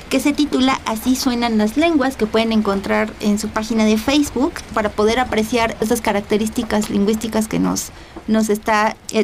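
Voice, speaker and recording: A woman with a Mexican accent hosting an interview, speaking in a measured way with small hesitations. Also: on the high side, slight background noise, rough recording. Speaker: podcast host.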